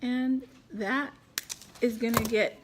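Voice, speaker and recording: A woman's voice: a little high, fairly even intonation, takes it slowly, slight background noise. A middle-aged woman hosting a casual crafting tutorial at home, chatting and thinking aloud as she works. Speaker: craft video host.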